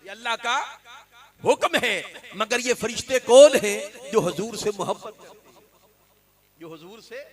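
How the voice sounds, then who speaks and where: A man's voice: high voice, lively intonation, normal speed. A man, an Islamic scholar, preaching a devotional sermon with fervent, chanting emphasis, and quizzing his audience with questions he answers himself.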